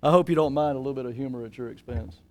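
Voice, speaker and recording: A man's voice: mid-range voice, very fast, darkish tone, slight background noise. A man, the pastor, introducing a guest missionary to his church in a folksy, joking way with frequent uh's.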